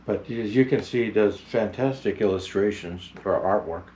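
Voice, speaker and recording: A man playing a jolly old Santa Claus who hosts a picture book reading in a gentle, halting, unhurried manner. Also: fairly low pitch, a little hiss or hum, pitched below the performer's own voice, lightly acted. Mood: friendly, rambling.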